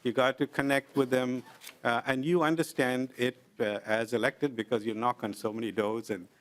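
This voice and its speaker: In a legislative committee hearing room, a middle-aged invited presenter delivers formal testimony in a steady, mid-range voice. His manner is earnest and deliberate, with examples to explain his points and many "uh" pauses.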